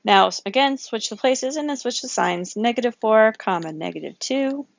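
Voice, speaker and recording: A woman's voice: on the high side, lively intonation, moderate pace, vocal fry, no room sound, highs cut off. A woman teaching a recorded geometry lesson, working problems aloud, counting grid squares and correcting herself as she goes. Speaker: math teacher.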